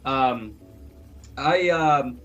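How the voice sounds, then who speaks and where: A man hosting a podcast, reviewing a film in casual chat, rambling and excitable with swearing. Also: mid-range voice, drawn-out words, lo-fi sound, soft background music. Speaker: podcast host.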